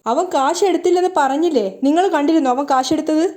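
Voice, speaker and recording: A woman's voice: sits high, fast, warm tone, voice pushed up, lightly acted. A woman reading the lines of a pleading young married woman, in her own plain voice. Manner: read out plainly in the reader's own voice.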